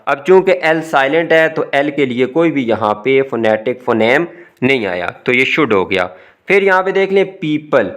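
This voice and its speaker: A man's voice: medium pitch, a bit bright, clear, resonant tone. Man teaching pronunciation with lilting emphasis. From Pakistan. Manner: explains step by step with rising and falling emphasis. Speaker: English teacher. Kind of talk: recorded classroom lesson.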